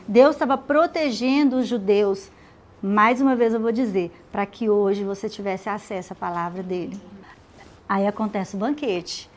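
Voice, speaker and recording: A woman teaching a women's Bible study, retelling the story in a lively way with acted dialogue. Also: mid-range voice, normal speed.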